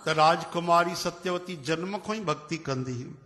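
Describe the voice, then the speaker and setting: A man telling devotional stories as a preacher, animated and acting out the voices of the people in his tales. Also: fairly high pitch, moderate pace. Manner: animated, acts out quoted voices, calls out chants. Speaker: religious storyteller. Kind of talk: devotional sermon storytelling. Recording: long hall reverb.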